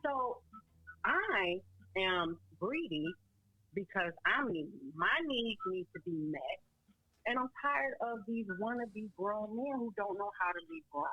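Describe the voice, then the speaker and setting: A woman's voice: medium pitch, lively intonation, measured pace, breathy edge, dull audio. A middle-aged woman calling in to a talk show over the phone, speaking bluntly and outspokenly about her complaints. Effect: heard over the phone. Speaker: caller. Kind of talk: call-in radio talk.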